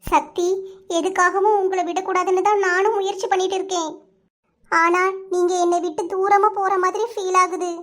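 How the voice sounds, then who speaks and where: A young cartoon sweetheart with a piping, almost childlike voice. She speaks with a Kanyakumari Tamil accent, whining and shrill, easily wounded and close to tears. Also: flat delivery, moderate pace, fairly bright tone. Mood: anxious. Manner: shrill and whiny, stammers when upset. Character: young woman lover, squeaky, touchy and tearful. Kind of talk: cartoon voice acting.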